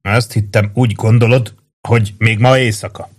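A man reading aloud and voicing a glum young soldier who answers quietly and sadly. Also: on the low side, steady tone, natural voice.

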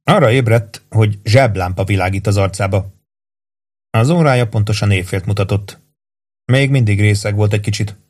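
A man narrating an audiobook in a measured, steady reading voice. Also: fairly low pitch.

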